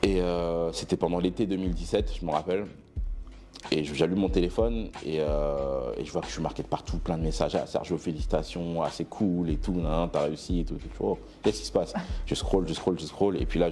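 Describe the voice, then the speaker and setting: Very deep-voiced relaxed man, halting. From Benin roots. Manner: relaxed, hesitant with many fillers and restarts; gestures broadly while seated. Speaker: brand founder, guest. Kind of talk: casual interview talk. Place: studio room with clothing racks, indoors.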